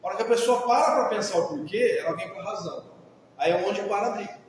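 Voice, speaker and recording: A man with a Brazilian accent, a mental health professional, giving a didactic talk and often checking in with his audience through quick tag questions. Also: high-pitched. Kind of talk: lecture to an audience. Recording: echoey hall, distant mic.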